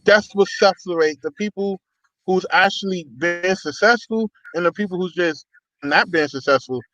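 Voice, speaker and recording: A man's voice: sits high, moderate pace, sharp tone. A man hosting a podcast interview, encouraging his guest with motivational remarks. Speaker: podcast host. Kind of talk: interview conversation. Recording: dull, lo-fi and dry sound.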